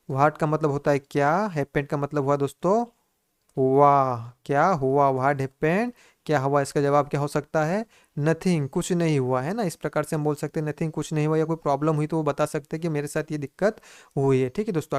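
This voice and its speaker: A man teaching basic English to Hindi speakers, slowly repeating each phrase and addressing his viewers as friends. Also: fairly high pitch, smooth, dry recording, clean studio sound. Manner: repetitive, drawn-out teaching, says "दोस्तों" constantly.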